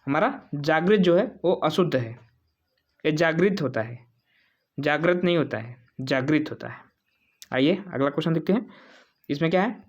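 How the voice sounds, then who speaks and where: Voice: mid-range voice, expressive, moderate pace, long pauses, a little mellow, highs cut off. A teacher walking through exam spelling questions, asking the viewers and then answering, repeating each word several times. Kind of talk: exam-prep quiz walkthrough.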